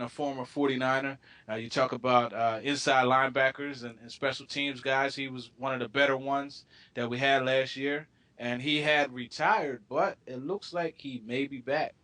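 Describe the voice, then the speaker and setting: A man co-hosting a sports talk show, talking in a relaxed, friendly way with plenty of fillers. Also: medium pitch. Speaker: co-host.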